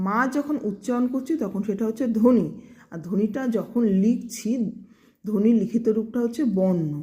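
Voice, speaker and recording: Brief: woman teacher, patient, mellow higher voice, talks to students in an echoey room. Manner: patient, asks questions and then answers them herself. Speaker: grammar teacher. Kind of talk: explaining a lesson to students.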